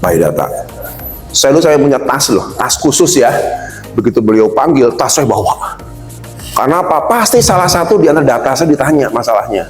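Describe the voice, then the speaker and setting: Middle-aged guy teaching a work seminar, super lively voice, echoey room w faint music behind. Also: mid-range voice, a little fast. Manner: animated, acts out quoted bosses and coworkers; chatty slangy speech. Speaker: workplace communication trainer. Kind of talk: casual seminar talk. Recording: roomy hall with faint music.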